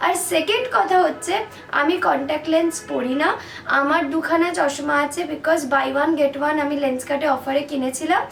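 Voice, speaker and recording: A woman's voice: high-pitched, moderate pace, vocal fry, fairly bright tone, roomy sound, soft background music. A young woman from Kolkata with a Kolkata Bengali accent, chatting casually to camera in a family vlog, mixing English words into her Bengali. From Kolkata, India. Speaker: vlogger. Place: home rooms and a restaurant.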